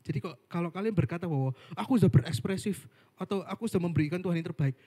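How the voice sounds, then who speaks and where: A man's voice: sits high, fast talker, mellow. A young man giving a casual, chatty sermon full of jokey asides and slang. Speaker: worship speaker. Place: online worship service.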